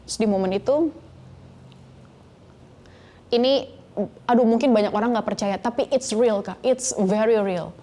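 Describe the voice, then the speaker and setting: A woman's voice: on the high side, a little slow, pauses often, mellow. A woman in her thirties telling a personal faith story in an interview, earnest, now and then slipping into English phrases. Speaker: guest sharing a faith testimony. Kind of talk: conversational interview testimony.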